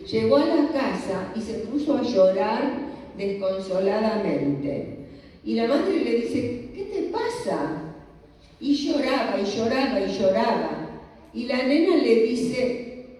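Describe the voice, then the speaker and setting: A woman's voice: mid-range voice, mellow. A woman giving a church lecture on children's ministry, teacherly and posing rhetorical questions to the audience. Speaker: conference speaker. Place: church hall. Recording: echoey hall, voice from far off the mic.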